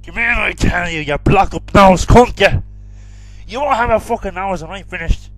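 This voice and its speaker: A man's voice: on the high side, fairly quick, creaky, bright, forceful tone, soft background music, full character voice. A man playing a foul-mouthed, belligerent father in a comedy voice-over, jeering erratically. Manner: jeering, erratic, interrupting with insults. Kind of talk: comedy voice-over role-play.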